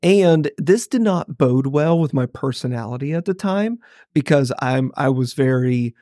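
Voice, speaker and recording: A man, a pastor co-hosting a church podcast, telling stories in a wry, lively, casual way. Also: medium pitch, measured pace, no echo, clean studio sound. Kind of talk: casual conversation.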